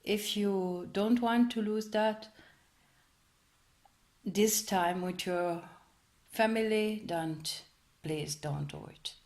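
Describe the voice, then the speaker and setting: A woman gives a personal account in slow, careful English. She pauses often and searches for the right words. Her voice sits in a middle pitch. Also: a little mellow. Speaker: interviewee. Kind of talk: personal testimony to camera.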